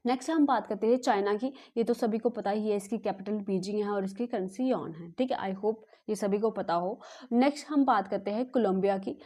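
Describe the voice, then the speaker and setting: A woman's voice: medium pitch, brisk, dark tone. A woman teaching an exam-prep lesson on memory tricks in a chatty way, mixing English words into her talk and checking "okay?" after nearly every sentence. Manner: mixes English words into Hindi.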